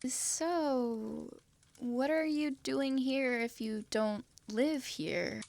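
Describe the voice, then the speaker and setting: In this fantasy audio drama, a woman gives an exaggerated performance as a timid young winged girl journeying with her cat. Her high-pitched, creaky voice moves extremely slowly, soft-spoken, hesitant and full of apology, and there is no echo.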